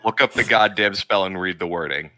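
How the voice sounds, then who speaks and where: A man's voice: deep voice, brisk, sharp tone. A man playing a tabletop role-playing game, bantering casually in a blunt, sardonic way and swearing freely. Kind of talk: casual banter at a gaming session.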